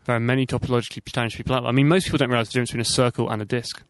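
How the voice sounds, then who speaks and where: A man co-hosting a comedy podcast, joking quickly with nerdy asides. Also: mid-range voice, fairly even intonation, dry recording. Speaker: co-host.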